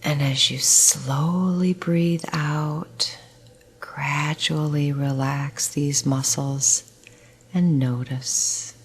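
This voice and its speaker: A middle-aged nurse with a slow, low, breathy and husky voice guides listeners through breathing and muscle relaxation. Reading a relaxation script, she sounds soft and soothing, frequently dropping nearly to a whisper.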